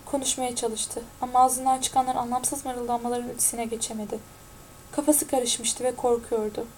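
A woman narrating an audiobook in a steady, even-toned reading. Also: fairly high pitch, normal speed, a little hiss or hum, low-quality recording.

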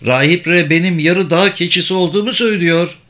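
A man voicing a daring, cheeky teenage boy climber who speaks in a raised, excited voice. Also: fast. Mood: cocky. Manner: high, excited, breathless calls.

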